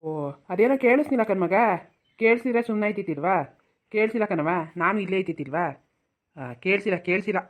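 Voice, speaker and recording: A woman's voice: mid-range voice, expressive, fast talker, narrow, tinny audio, natural voice. A woman voicing a weary old village father-in-law in a cartoon, with a rural Mysore-region accent, pleading and placating. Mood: soothing. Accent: rural Mysore-region Kannada. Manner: pleading, placating, keeps saying hush.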